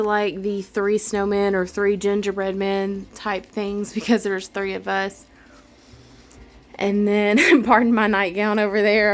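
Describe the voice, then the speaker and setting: A young woman, chatting casually while walking through her home with a handheld camera and laughing often. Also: mid-range voice. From Louisiana. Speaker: vlogger.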